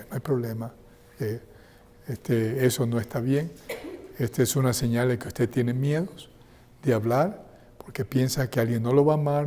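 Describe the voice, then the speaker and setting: A man presenting a health seminar in a conversational way, often checking in with the audience through quick tag questions. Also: mid-range voice, warm tone. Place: seminar room. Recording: long hall reverb.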